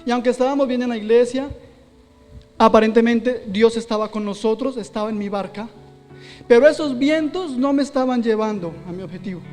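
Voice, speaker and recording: A man's voice: extremely high pitch, a little fast, a little mellow, long reverb tail, faint music behind. A man preaching a sermon, telling a personal testimony and quoting his own prayers aloud. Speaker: pastor. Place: church hall.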